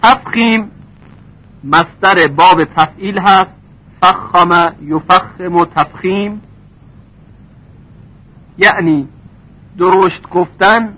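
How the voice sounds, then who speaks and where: A man teaching recitation rules in a lesson, stretching out example words slowly. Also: high-pitched, breathy edge. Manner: slow drawn-out example words. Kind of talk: tajweed lesson. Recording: dull lo-fi recording.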